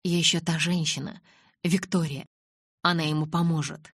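A woman's voice: low voice, level tone, normal speed, a bit bright, breathy edge, no room sound, studio quality, exaggerated voice. Woman voicing a cold, angry young man. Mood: tense. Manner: curt, snapping, barking.

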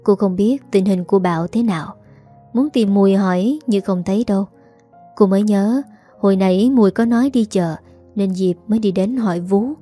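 Woman narrator, soft mellow tone, faint music underneath. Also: mid-range voice, moderate pace. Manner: reads all characters in one even voice. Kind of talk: storytelling narration.

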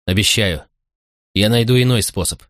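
Male narrator as a resolute young Roman officer, low, firm, commanding, dry. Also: normal speed, a bit bright, no echo, lightly acted.

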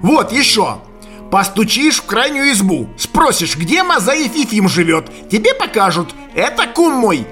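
A gruff old Siberian hunter, as a male reader puts him on, loud and scolding in folksy outbursts. His voice sits raised and high, leaping animatedly between exclamations. Thin music lingers faintly behind the audiobook reading. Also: very animated, measured pace, full character voice. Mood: scheming. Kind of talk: audiobook character voicing.

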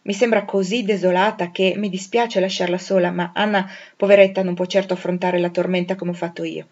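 A woman's voice: on the low side, little pitch movement, brisk, darkish tone. A woman voicing a stern, reserved young male pastor who talks coolly and evasively, with dry irony. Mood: reluctant, evasive. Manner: cool, evasive, dryly ironic. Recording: dull lo-fi recording.

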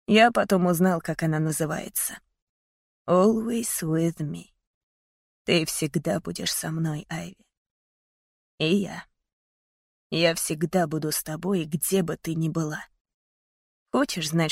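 A woman reading the part of a gentle dying father in a soft, hushed, tender voice. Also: lowish voice, fairly even intonation, slow, dry recording, studio quality. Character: gentle dying father, middle-aged man. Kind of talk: audiobook character voice.

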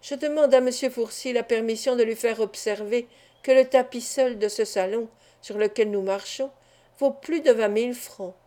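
A woman voicing a calm, gently smiling male police commissioner in an audiobook, softly polite. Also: on the high side, moderate pace, lightly acted.

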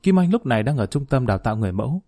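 A man narrating a story audiobook in a measured, even manner. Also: medium pitch, slightly rough, faint music behind.

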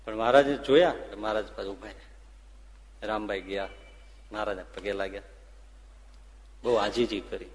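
A man, a swami, telling devotional stories in a sermon, moving between hushed passages and loud, ringing ones. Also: lowish voice, normal speed, pauses often, slight background noise. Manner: expressive, swings from hushed to loud. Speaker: swami preacher. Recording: long hall reverb.

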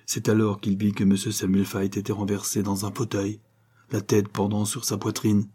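A man's voice: lowish voice, monotone, moderate pace, warm tone, breathy edge. A man voicing a dutiful male ship's purser who explains events matter-of-factly. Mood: reporting.

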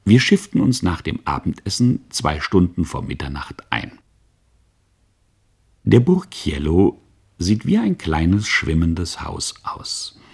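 Man, audiobook narrator, scripted reading, measured, very deep, husky voice. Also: big pitch swings.

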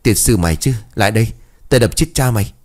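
A man voicing a panicky young village boy who stammers in fear and turns rough and threatening. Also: lowish voice, expressive, quick pace, lightly acted. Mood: rough threat.

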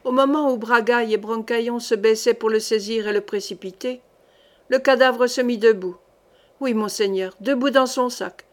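A woman's voice: fairly high pitch, natural voice. Brief: a scared, long-winded medieval henchman pleading before his lord, told in a story reading, voiced by a woman with a lightly raised voice. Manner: rambling, dramatic storytelling. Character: frightened male henchman pleading with a duke.

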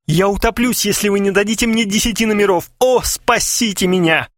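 A man putting on an impulsive young man, pitched well above a plain talking voice and swinging widely in tone. He pleads and rages theatrically, a comic storybook hothead, heard close and dry. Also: big pitch swings, a little slow, no room sound, full character voice. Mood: melodramatic pleading. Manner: melodramatic, pleading and shouting.

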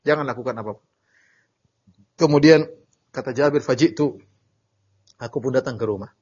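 Husky-voiced male teacher giving a lecture. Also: medium pitch. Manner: animated storytelling with sudden emphatic bursts; frequent filler "ya" and halting restarts. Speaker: Islamic teacher. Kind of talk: religious study lecture. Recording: dull lo-fi lecture recording.

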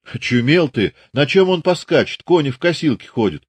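A puzzled young Cossack protests to his father, played by a man. The voice sits somewhat above its usual pitch and is dry and close. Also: big pitch swings, moderate pace, breathy edge, no room sound. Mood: bewildered. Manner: bewildered, protesting.

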